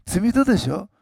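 A pastor preaching a sermon, swinging between loud, slowed emphasis and quiet, low asides to the congregation. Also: male voice, gravelly, slightly rough, no room sound, studio quality.

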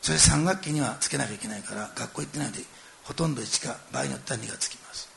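Gravelly, fast-talking animated preacher man. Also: medium pitch, a little hiss or hum. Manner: animated storytelling, acting out quoted lines and addressing listeners directly. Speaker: pastor. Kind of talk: sermon.

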